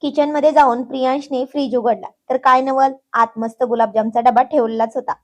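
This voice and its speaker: A woman narrating a family story in a lively storytelling manner. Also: sits high, brisk.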